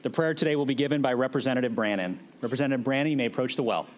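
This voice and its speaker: A man's voice: mid-range voice, rapid-fire. A man presiding over a legislature, calling the chamber to order in a raised, projecting voice with formal procedural announcements. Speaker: presiding speaker of a state legislature.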